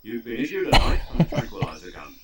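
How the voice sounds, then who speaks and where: An actor playing an authoritative male military commander in a video game, giving crisp, instructive briefings. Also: lowish voice, very animated, quick pace, a crowd in the background. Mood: calm, instructive.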